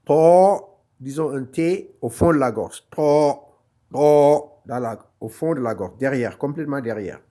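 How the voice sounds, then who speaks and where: In a slow online lesson, a man teaches Quran reading, patiently repeating each letter sound and explaining where in the mouth it is formed. His voice is medium-pitched, animated, and mellow, at a normal speed.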